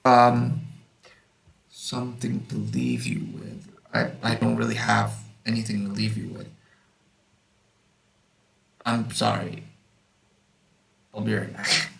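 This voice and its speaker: A man's voice: fairly low pitch, level tone, slow, creaky, long pauses, a bit bright. A young man rambling through a horror game, baffled, reading game text aloud as he plays. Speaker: let's play host. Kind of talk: casual gameplay commentary. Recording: distant mic with faint noise.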